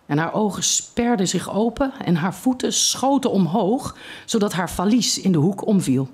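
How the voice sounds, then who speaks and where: Measured reader of a short story. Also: medium pitch, animated, darkish tone, breathy edge. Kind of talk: reading a short story aloud at a literary evening.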